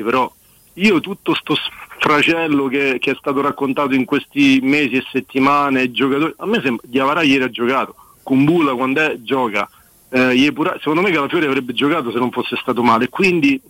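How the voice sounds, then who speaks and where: A man's voice: mid-range voice, a little fast, a bit bright, dry recording, rough recording. A man phoning in to a radio sports show, chatting in an earnest, slightly aggrieved way. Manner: talkative, earnest, a little aggrieved. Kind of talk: casual call-in chat about football.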